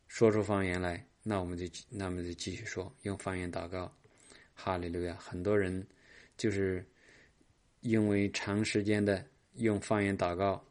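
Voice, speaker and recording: A man delivers a charismatic sermon in a deep, low voice. His pitch stays level, with little rise or fall. He speaks in short, repeated phrases scattered with filler particles. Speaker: preacher.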